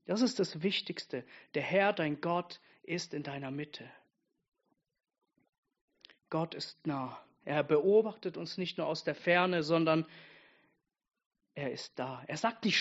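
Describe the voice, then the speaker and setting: A man preaching an earnest Advent-style sermon, dropping soft and intimate, then rising to emphatic. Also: on the high side, dull audio.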